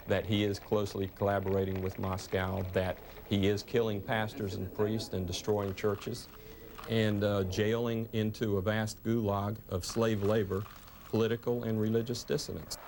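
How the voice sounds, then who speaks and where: A man interviewed as a commentator, listing charges in a slow, deliberate way. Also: fairly low pitch, little pitch movement, background noise.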